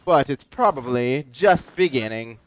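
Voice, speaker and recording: A gamer commentates a playthrough casually and reads dialogue aloud in an expressive, mid-range voice at a slightly slow pace. The close mic sounds dull, and faint music plays.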